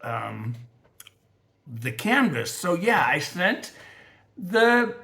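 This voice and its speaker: A man's voice: high-pitched, very animated, very slow, gravelly, sharp tone. A man chats casually to viewers of his crafting channel, rambling from one thing to the next. His voice is scratchy from allergies. He talks in a loose, friendly way, full of fillers. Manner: chatty, rambling, with frequent fillers. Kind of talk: casual vlog chat.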